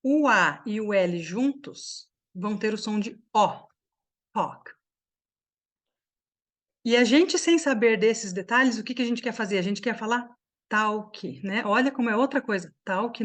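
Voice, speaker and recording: A woman from Brazil teaching an online English class, explaining pronunciation slowly and often checking that her students follow. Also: on the high side, animated.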